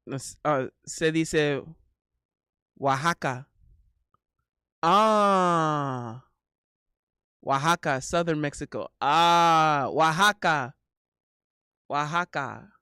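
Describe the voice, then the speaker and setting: A livestream host and singer from Miami with a Haitian family, a native English speaker, chats casually with hesitant ums, switching between English and Spanish. His voice is a little high, sharp, and clean; he speaks extremely slowly and pauses often. The recording is studio quality with no room sound.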